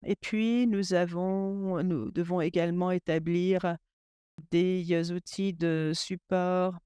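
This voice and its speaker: A man interpreting a webinar panel discussion into French in real time, halting and often restarting his sentences. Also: sits high, little pitch movement, warm tone, clean tone, dry recording, clean studio sound. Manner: halting, with frequent restarts and fillers. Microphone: remote webinar audio.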